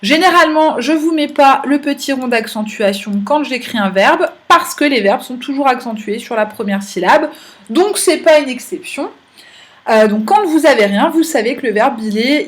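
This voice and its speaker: High-voiced woman teaching German grammar. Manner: patient, explanatory, with fillers. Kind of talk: recorded grammar lesson.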